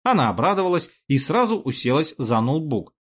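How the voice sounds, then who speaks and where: A man with a husky, slightly raspy voice narrates a first-person audiobook. His delivery is wry and expressive, and his pitch rises and falls widely. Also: brisk.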